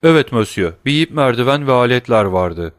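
A man voicing a humble, eager male prison doorkeeper in a storybook reading, speaking in a deferential, excited way. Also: medium pitch, brisk, dry recording, clean studio sound, lightly acted.

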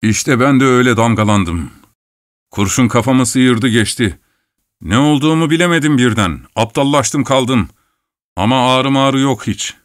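A man voicing a rough, hot-tempered man who curses and blusters in an audiobook reading. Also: medium pitch, moderate pace, dry recording, clean studio sound, pitched above the performer's own voice, natural voice. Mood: gruff boasting. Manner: cursing, blustering. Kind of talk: audiobook character voice.

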